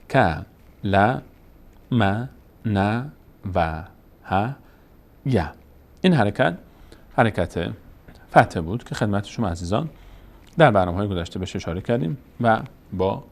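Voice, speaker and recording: A man with a somewhat low voice gives a step-by-step Quran reading lesson in an Afghan Dari accent. He explains patiently, repeating terms and going through the alphabet one letter at a time.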